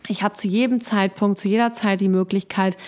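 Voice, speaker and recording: A woman's voice: medium pitch, steady tone, a little fast, a little mellow. Encouraging, chatty woman coach. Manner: encouraging, chatty, with frequent restarts and fillers. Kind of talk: casual motivational talk addressed to the listener.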